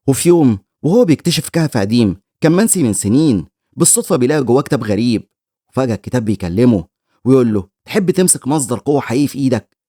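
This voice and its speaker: A man's voice: medium pitch, warm tone, no echo, clean studio sound. A man with an Egyptian Arabic accent giving scripted recap narration of a story. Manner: rapid storytelling.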